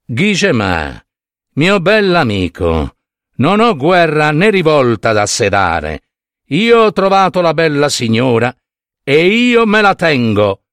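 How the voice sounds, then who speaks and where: A man's voice: on the high side, wildly swooping pitch, slow pace, a bit bright, no echo, clean studio sound, heavily acted. A man voicing a scornful lord who speaks in a mocking, haughty way. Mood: defiant.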